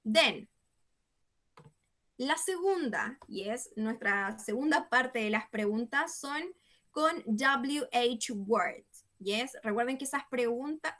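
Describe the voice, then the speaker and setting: Lady teacher, slow and patient, keeps asking "yes?" to check in, bright clear voice. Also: high voice. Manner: checks in with a questioning "yes?" after nearly every phrase; patient, repetitive explaining. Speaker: English teacher. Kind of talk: online class explanation.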